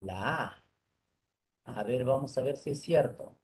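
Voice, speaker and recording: A man's voice: medium pitch, animated, a little slow, darkish tone, slightly rough. A male teacher giving an online lesson on rules, patiently spelling words out syllable by syllable.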